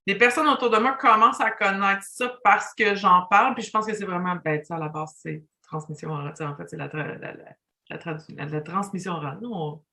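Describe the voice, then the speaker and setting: A woman hosting a podcast, eager and quick to laugh. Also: mid-range voice, bright, forceful tone. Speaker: podcast host. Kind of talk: casual chat.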